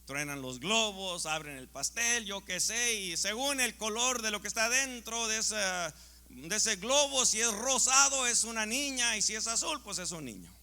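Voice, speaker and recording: A male pastor preaching a sermon with passion, swinging from loud to hushed. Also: sits high, expressive, a little slow, big-room sound. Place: church sanctuary.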